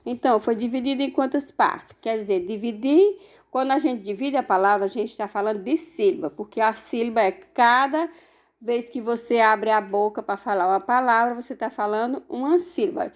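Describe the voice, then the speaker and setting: A woman with a Brazilian Portuguese accent, teaching young children a remote lesson, explaining each step slowly and patiently. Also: fairly high pitch.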